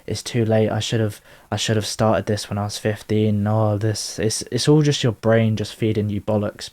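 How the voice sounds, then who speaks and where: A man's voice: lowish voice, warm tone. A man, talking candidly in a casual monologue, drifting off on tangents and swearing now and then. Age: 20s. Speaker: vlogger.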